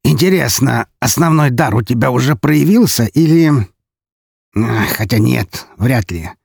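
A man's voice: medium pitch, a little slow, gravelly, husky, no room sound, clean studio sound, voice pushed up, heavily acted. A man voicing a scarred, cunning count with a mocking, gleeful manner. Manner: mocking, gleeful, raised lively delivery.

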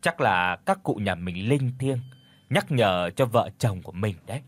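A man voicing an uneasy young peasant wife who speaks softly with worry. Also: on the low side, animated, measured pace, no echo, voice pushed down. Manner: soft, worried.

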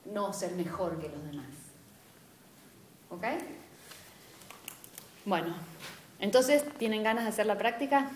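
A woman's voice: medium pitch, takes it slowly, long pauses, slight background noise. A woman with a Rioplatense Spanish accent giving a spiritual class lecture, engaging and often checking in with her students. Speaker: spiritual teacher. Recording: echoey room.

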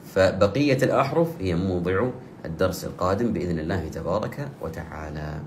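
A man with a lowish voice teaches recitation rules, pausing to chant each example phrase slowly and repeat it. He sounds like he is in a roomy space that echoes, with a faint hiss of ambient noise behind him. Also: expressive. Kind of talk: tajweed lesson with recited examples.

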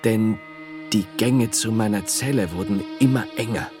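An actor playing the earnest, bookish monk Thomas Aquinas in a radio drama, speaking in solemn, literary storytelling. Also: male voice, fairly low pitch, natural voice. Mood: sorrowful. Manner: deliberate, solemn, rapt storytelling. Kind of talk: German radio drama acting, literary monologue. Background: music.

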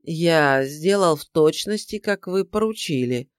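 A woman's voice: low-pitched, lively intonation, a little slow, clean tone, no room sound. A woman reading the part of a tired, sardonic male private detective in a dry, grudging manner for an audiobook. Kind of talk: audiobook character voice.

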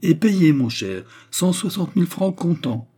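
A man's voice: on the high side, animated, a little slow, mellow, slightly rough, pitched above the performer's own voice. A man reading aloud, voicing a worldly, mocking former courtesan with an ironic, self-assured manner. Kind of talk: audiobook character reading.

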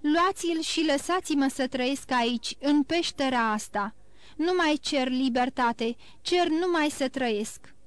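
A woman's voice: high-pitched, no room sound, lightly acted. A woman voicing a starving, desperate male banker who begs for his life in broken, pleading cries, in an audiobook. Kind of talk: audiobook reading.

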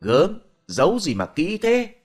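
A man's voice: a little high, huge pitch swings, slow pace, pitched above the performer's own voice, exaggerated voice. A man voicing a cheeky, clever young peasant who mocks a greedy landlord. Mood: mocking. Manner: mocking, sly, playful.

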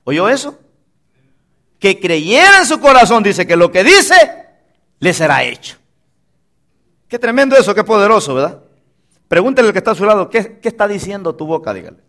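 A man's voice: high-pitched, sing-song, moderate pace, pauses often, bright, forceful tone. A male pastor preaching from a church pulpit, emphatic and leading the congregation in call-and-response. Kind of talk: sermon.

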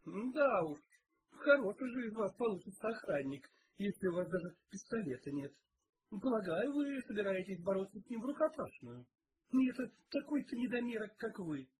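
A man's voice: high voice, very animated, takes it slowly, few pauses, noisy background, voice pushed up, heavily acted. A man reading aloud and voicing a stout, indignant middle-aged woman cook who scolds sharply. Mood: scolding.

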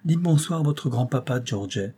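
Man doing a serious young lawyer guy, calm and kind, husky voice. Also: mid-range voice, moderate pace, pitched above the performer's own voice. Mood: gentle. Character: earnest young male lawyer, grave and compassionate.

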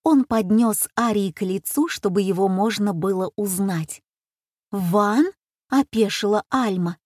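A woman's voice: mid-range voice, normal speed, warm tone, no echo, studio quality. A woman reading an audiobook as its narrator.

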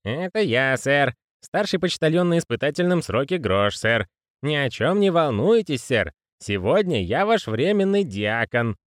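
A male reader voicing a fussy, pious old postman who speaks in a raspy, wheezy whisper and keeps saying sir. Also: mid-range voice, very animated, unhurried, dry recording, clean studio sound, voice pushed up. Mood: fussy, earnest. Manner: deferential, says sir constantly. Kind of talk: audiobook character voicing.

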